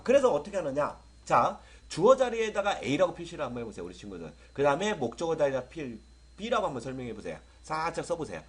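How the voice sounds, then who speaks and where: A middle-aged man from South Korea lectures on English grammar in a slightly husky voice. His pitch sits a little high and swings widely as he talks. He keeps checking in with his students to see if they understand. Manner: lively, keeps asking students if they follow.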